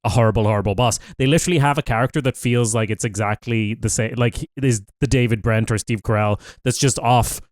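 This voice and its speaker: A man with a medium-pitched voice co-hosts a podcast, talking fast with hardly any pauses as he casually reviews TV shows and thinks aloud with fillers. The recording is dry, with clean studio sound.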